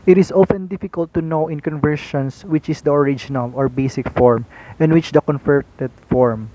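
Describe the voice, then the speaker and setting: Young man, student reporter, slightly high voice, careful read-aloud lecture. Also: fairly even intonation, warm tone, poor audio. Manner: careful, deliberate reading with occasional restarts. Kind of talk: reading a class lecture aloud.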